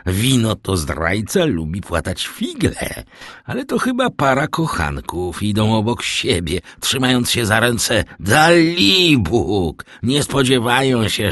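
A man voicing a drunk, envious older man who talks in a loud, boisterous, slurred way and shouts across a distance. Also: fairly low pitch, no room sound, clean studio sound, voice pushed up, exaggerated voice.

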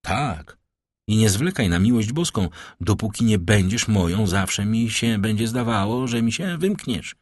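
A man playing a fretful young officer in love, pleading in a low, husky voice. The reading stays dry and close, with lively turns in pitch, like a storybook. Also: a little slow, dry recording. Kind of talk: audiobook character reading.

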